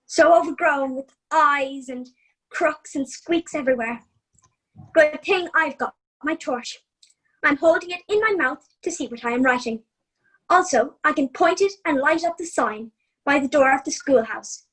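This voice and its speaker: A woman voicing a nervous, complaining young male wolf, reading a storybook letter home in a fretful, expressive way. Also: high-pitched, unhurried, low-quality recording.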